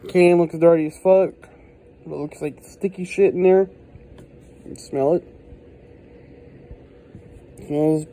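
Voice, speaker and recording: A man's voice: on the high side, warm tone, a little hiss or hum, low-quality recording. A man giving a casual, exasperated product review, blunt and swearing heavily, recorded indoors on a handheld phone. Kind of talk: casual handheld video rant. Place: indoors at a desk.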